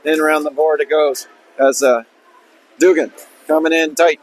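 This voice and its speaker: Man, play-by-play hockey commentator, high-pitched, clipped rapid calls, faint background hum. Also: fairly even intonation, rough recording. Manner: rapid, clipped calls of each pass, rising on shots. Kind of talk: live ice hockey play-by-play.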